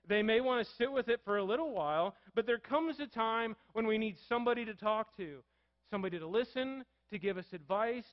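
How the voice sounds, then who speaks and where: A man's voice: sits high, dry recording, highs cut off. A man preaching a sermon as a pastor, asking the congregation questions and reading scripture aloud.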